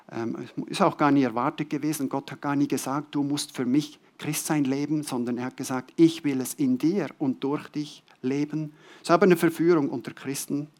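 A man preaching to his congregation in a fairly high voice. He hammers key words through repetition, pushes some phrases out loudly and lets others fall away almost to a murmur. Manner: emphatic, swinging between loud stressed words and soft drops; repeats key words for emphasis. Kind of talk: sermon to a congregation.

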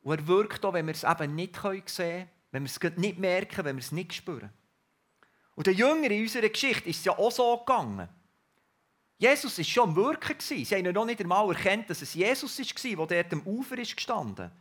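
Man, sermon, high voice, earnest and reflective. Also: very animated, fairly quick, a bit bright. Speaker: preacher.

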